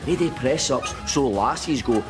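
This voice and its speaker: A man's voice: medium pitch, lively intonation, moderate pace, over loud music, lightly acted. An actor playing a bossy, exasperated young Scottish man in a TV comedy sketch, insistent and scornful.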